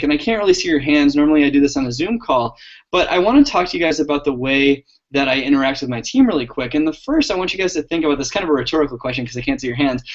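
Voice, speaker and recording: A man coaching his sales team on a group call, talking earnestly and energetically in quick bursts with frequent restarts. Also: a little high, dull audio. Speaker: network marketing coach giving a team call talk. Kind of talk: motivational team call talk.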